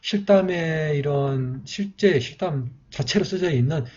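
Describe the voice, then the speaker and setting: Husky, mellow-voiced man teaching script. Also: a little high, unhurried. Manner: patient, explanatory, walks through each stroke with frequent "ja" and "eo" fillers. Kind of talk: step-by-step writing lesson. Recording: dull lo-fi recording.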